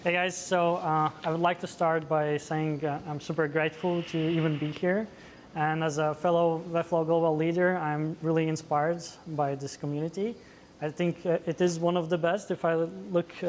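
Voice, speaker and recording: A man from Latvia with a Latvian accent, presenting at a tech meetup, pausing often with many "uh"s. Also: on the high side, level tone, a little hiss or hum. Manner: hesitant, many fillers. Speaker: conference speaker. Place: meetup venue.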